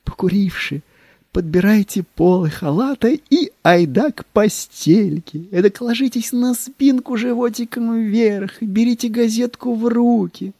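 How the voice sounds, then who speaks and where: A man's voice: sits high, a little slow, mellow, dry recording, voice pushed up. A man voicing a fawning court secretary who gushes about food, with a wheedling, savoring manner and dropping into whispers. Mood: dreamy. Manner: wheedling, savoring every dish, slips into whispers.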